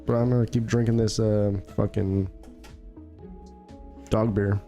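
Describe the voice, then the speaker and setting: A man's voice: on the low side, little pitch movement, a little slow, dark tone, faint music behind. A man co-hosting a casual podcast chat, easygoing and a bit hesitant, full of fillers and casual swearing. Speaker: podcast co-host.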